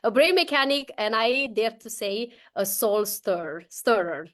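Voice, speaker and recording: A Romanian woman with a Romanian accent hosts a casual online group call, bubbly and quick to laugh, frequently restarting her sentences. Her voice sits on the high side, animated and a bit bright.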